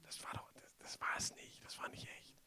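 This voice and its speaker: A man's voice: fairly quick, sharp tone. A man preaching in German, voicing a male Satan in a hissing, unvoiced whisper that sows doubt during a sermon. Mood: taunting.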